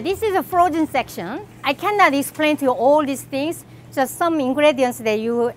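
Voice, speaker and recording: A middle-aged Korean woman with a Korean accent, who hosts a cooking channel, strolls through the aisles of a large indoor grocery store showing products to the camera. She's chatty and enthusiastic, laughs often, and has a high-pitched voice.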